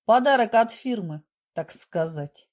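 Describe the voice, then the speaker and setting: A woman voicing a smug, menacing middle-aged businessman who speaks with low, slow, mock-gentle condescension. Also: animated. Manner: condescending, turns harsh.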